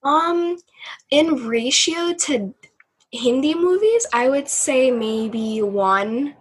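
A woman's voice: high voice, expressive, extremely slow, husky. A woman co-hosting a casual chat, giggly and hesitant.

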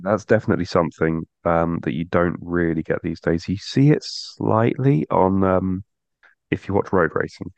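A man's voice: deep voice, normal speed, vocal fry, darkish tone, dry recording. A man co-hosting a motorsport podcast in casual chat, rambling and restarting his sentences. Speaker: podcast co-host.

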